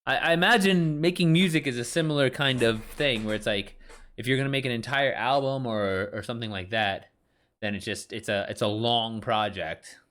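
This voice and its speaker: A man's voice: medium pitch, normal speed, a bit bright. A man in his thirties, an author, chatting casually on a live stream, rambling with lots of fillers and restarts, answering his chat. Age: 30s. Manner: talks back to chat readers. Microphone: streaming mic.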